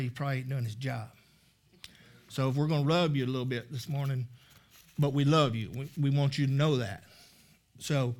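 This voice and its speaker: A man preaching a sermon in a church, speaking candidly, with many halting restarts. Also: medium pitch. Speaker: guest preacher. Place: church sanctuary.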